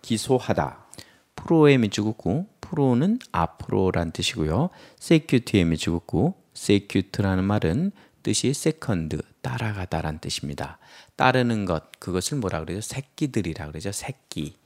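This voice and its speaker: A man with a lowish voice gives a vocabulary lesson, his pitch swinging widely as he explains word roots. He acts out little example sentences and offers playful memory tricks. His delivery stays animated and teacherly. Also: normal speed. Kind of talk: lively vocabulary lecture.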